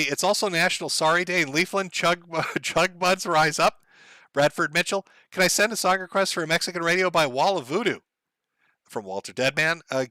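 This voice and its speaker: A man hosting a livestream, reading viewer donations out loud and telling stories in a casual, profane way, often laughing. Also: fairly high pitch, no room sound. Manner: profane, laughing, rambling storyteller.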